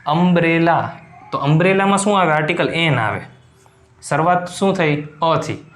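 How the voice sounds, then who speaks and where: A male teacher with a Gujarati accent giving a recorded lecture, often stopping to ask whether it is clear. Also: a little high, fairly bright tone. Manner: keeps checking understanding with quick questions. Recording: echoey room.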